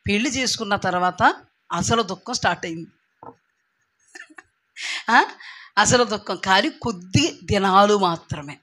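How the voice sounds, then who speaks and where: A woman's voice: mid-range voice, a little slow, long pauses. A young woman with a Telugu accent giving a sermon, telling her own testimony and acting out the voices of the people in it. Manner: animated storytelling, acting out quoted voices. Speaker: preacher.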